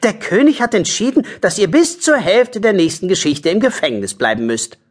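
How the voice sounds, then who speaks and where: A gentle, easily persuaded man from a children's storybook, stammering with hesitant fillers in a raised, uncertain voice, as a male narrator puts him on. His tone stays soft and a little husky. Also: sing-song, normal speed. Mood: unsure. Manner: hesitant, stammering, high and unsure. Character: timid, kindly, hesitant grown man.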